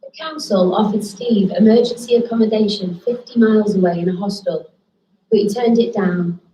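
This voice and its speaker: A woman giving calm, measured scripted narration for a documentary. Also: mid-range voice, roomy sound, a little hiss or hum, rough recording.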